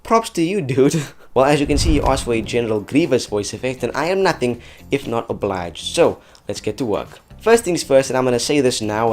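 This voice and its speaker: In a casually scripted audio effects tutorial, the host talks to his viewers in a relaxed, joking, chatty way. His voice is mellow-ish and sits in the middle range.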